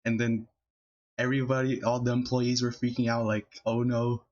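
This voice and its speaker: With a mid-range, slightly mellow voice and flat delivery at normal speed, a young male podcast host laughs through rambling stories in a casual storytelling chat. He comes from a Filipino family in California, and the audio is dull and lo-fi.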